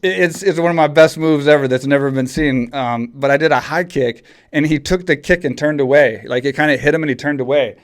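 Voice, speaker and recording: Rambling Texan podcast host. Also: male voice, fairly high pitch, brisk, few pauses. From Texas. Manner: rambling, frequent restarts and fillers. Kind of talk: casual chat.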